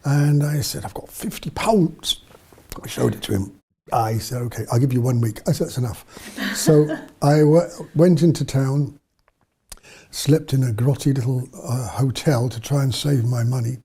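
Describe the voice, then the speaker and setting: A man's voice: mid-range voice, moderate pace, dark tone, slightly rough. A man in his seventies from England, a missionary priest telling his life story in a studio interview, rambling and correcting himself as he goes. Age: 70s.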